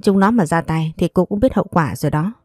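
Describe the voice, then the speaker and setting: A cruel, domineering older mother-in-law barks her orders in a harsh, low voice voiced by a woman narrator. The tone stays warm and mellow, and the dry sound has faint music under it. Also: fairly quick, no room sound, close to an everyday voice. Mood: threatening. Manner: harsh, bossy.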